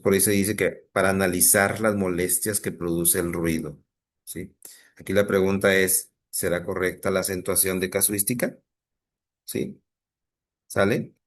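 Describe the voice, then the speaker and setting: Brief: Mexican man, teacher, lowish voice, patient, keeps checking the class follows, video call. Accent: Mexican Spanish. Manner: patient, checks in often with students. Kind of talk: online class lesson.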